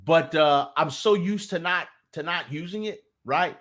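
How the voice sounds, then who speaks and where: Hosting a casual sports talk stream live, this young man from New Jersey speaks with a Jersey accent in a higher-pitched, fairly bright voice at a measured pace. His talk is loose and profane, full of restarted sentences and greetings to the chat.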